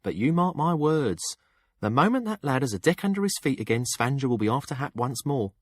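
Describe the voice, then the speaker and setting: A man's voice: mid-range voice, expressive, normal speed, no echo, voice pushed up, natural voice. A man voicing a blunt, shrewd middle-aged townswoman who reads palms, speaking frankly in an audiobook. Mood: sour. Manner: frank and sharp-tongued. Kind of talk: audiobook character voice.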